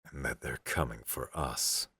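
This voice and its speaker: Man playing a grim space commander, very deep slow delivery, audiobook sci-fi. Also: pushed and bright, breathy edge, no room sound, full character voice. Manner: low and grim. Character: grim male human commander, steady and low.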